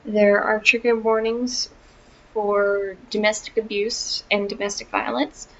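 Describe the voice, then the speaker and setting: A woman's voice: medium pitch, level tone, unhurried, fairly bright tone. A woman giving a casual, chatty book review, wry and full of asides and ums. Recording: dull lo-fi sound with faint noise.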